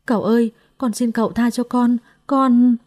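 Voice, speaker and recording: A woman's voice: on the high side, steady tone, a little fast, mellow, no echo, studio quality, natural voice. A woman voicing a panicked young male servant who stammers and begs in a storybook reading. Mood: begging. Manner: stammering, begging.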